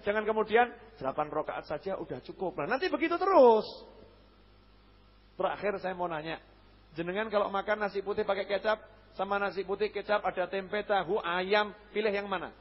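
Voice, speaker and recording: Preacher guy, joking around then going quiet, husky, dull echoey hall recording. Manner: jokey, swings from loud exhortation to low asides. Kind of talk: lively religious lecture.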